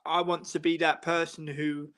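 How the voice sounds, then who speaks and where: This man's voice is on the high side and fairly bright, delivered flatly at a moderate pace. He's a football interviewer from England, talking at length in a casual live-stream chat, rambling through his answers with plenty of fillers and restarts.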